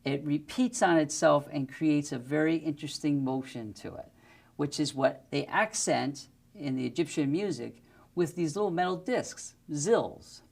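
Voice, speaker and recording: Speaking at a measured pace, a middle-aged man with a slightly high, gravelly, darkish voice teaches music step by step to the camera. He's a music teacher giving an instructional demonstration, miked with a lapel mic in an indoor studio against a plain backdrop.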